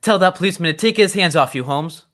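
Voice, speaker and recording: An actor playing a genial, loyal and excitable English gentleman doctor who tells stories in old-time radio drama style. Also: high voice, quick pace. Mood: alarmed, indignant. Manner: genteel, old-fashioned storytelling.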